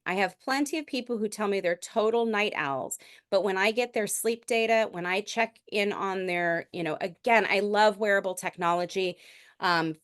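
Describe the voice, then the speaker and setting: A middle-aged woman physician giving a lecture in a conversational, explanatory way, with frequent restarts. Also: mid-range voice. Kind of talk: recorded medical lecture.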